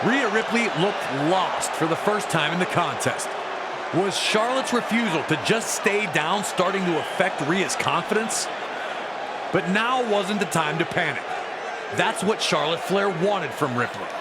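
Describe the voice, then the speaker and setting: A man with a high, animated voice narrates wrestling matches at a measured pace, telling them dramatically and emphatically like a sports documentary. A loud, roaring arena crowd fills the background.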